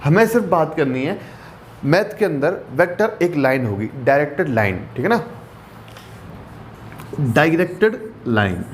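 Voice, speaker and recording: A man's voice: a little high, sing-song, unhurried, long pauses, slight background noise. A male maths teacher giving a classroom lecture, mixing in English terms and checking in often with rhetorical questions. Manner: mixes English terms into explanations.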